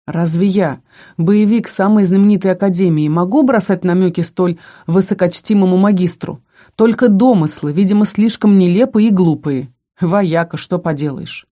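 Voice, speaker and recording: A brash young male fighter snaps and sneers at everyone, as a woman reading the story puts him on. His voice sits low and dark, pushed loud and hard. He sounds bossy and scornful throughout. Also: lively intonation, moderate pace. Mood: mocking. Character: brash young male combat student, mocking and rough.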